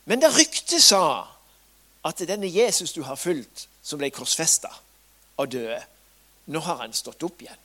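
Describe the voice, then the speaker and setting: Man preaching with lively pitch swings. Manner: storytelling, with dramatic swings between loud cries and soft asides. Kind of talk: sermon.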